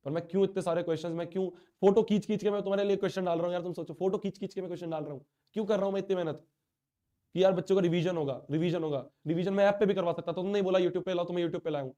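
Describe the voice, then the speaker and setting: A man's voice: high-pitched, fairly even intonation, very fast, warm tone, lo-fi sound. A man teaching a live online class, speaking in a hurt, earnest, pleading way while he has a sore throat and a stuffy nose.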